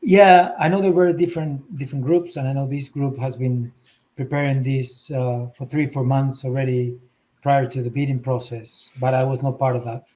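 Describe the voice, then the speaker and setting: A man from Argentina, a guest in a casual interview on a video call, speaking in a measured way with frequent pauses. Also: mid-range voice, fairly even intonation, warm tone, rough recording. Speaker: guest, rugby club executive.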